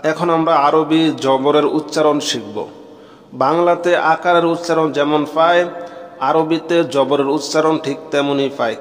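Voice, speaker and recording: A man teaching Quran reading, slowly chanting each pair of Arabic letters twice in a sing-song way, then explaining quickly in between. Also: a little high, in a large hall. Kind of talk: slow drilled recitation of Arabic letters.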